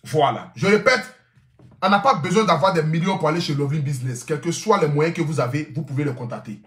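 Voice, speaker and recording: Man, insistent sales pitch. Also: fairly bright tone. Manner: insistent sales patter, repeats phone numbers slowly. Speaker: live stream host reading sponsor ads. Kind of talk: promotional pitch on a live stream. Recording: roomy echo.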